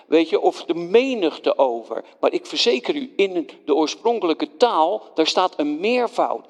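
A self-justifying Roman governor Pilate, played by a male preacher in a first-person sermon. His voice sits high and swings widely as he stammers and pleads with the listeners. A slight gravel runs through it, and a long hall reverb trails each phrase. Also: exaggerated voice. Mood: storytelling.

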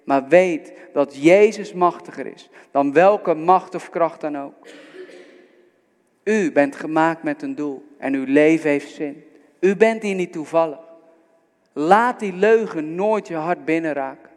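A man preaches a sermon, earnestly exhorting his listeners and speaking directly to them. His voice is a little high with a darkish tone at a measured pace, and the recording carries the long reverb of a large hall.

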